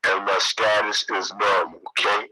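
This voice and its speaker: Low-voiced man over a distorted radio. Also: steady tone, normal speed, sharp tone, slightly rough. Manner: repeats himself, ends lines with okay. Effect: heard over a two-way radio with distortion. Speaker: radio net station. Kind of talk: radio check-in. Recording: noisy, distorted two-way radio.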